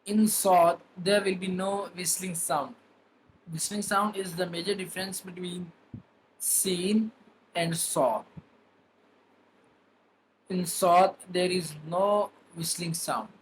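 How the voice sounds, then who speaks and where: A man gives a patient pronunciation lesson and says each letter name twice before he explains it. He speaks very slowly in a fairly high, flat voice. Faint ambient noise sits behind him. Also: low-quality recording. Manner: spells out letter names one by one, repeating each twice. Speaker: Quran reading teacher.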